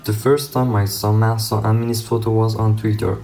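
A male student speaking in a measured account through a voice altered to disguise him, deep and low. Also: level tone, vocal fry, darkish tone, soft background music. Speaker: student protester.

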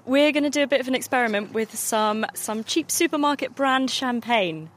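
A woman's voice: fairly high pitch, expressive, moderate pace. A woman reporting from an outdoor car park, upbeat and chatty.

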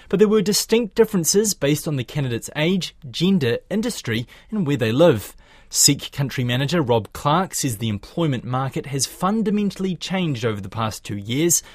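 A man's voice: mid-range voice, no room sound. New male business news presenter, dry studio. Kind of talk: scripted news reading and interviewing.

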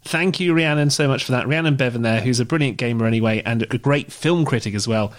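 A man's voice: medium pitch, brisk. A man presenting news as a host in a conversational style.

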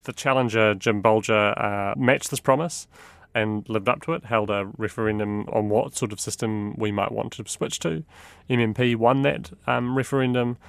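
Low gravelly New man explaining. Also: steady tone, moderate pace, no room sound. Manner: hedging, conversational, with fillers. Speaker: explainer, commentator. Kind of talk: casual explanatory talk.

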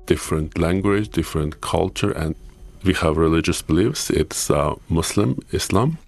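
A young man from China in a documentary interview, his voice disguised and pitched down, speaking haltingly and pausing for words. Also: gravelly. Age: young adult.

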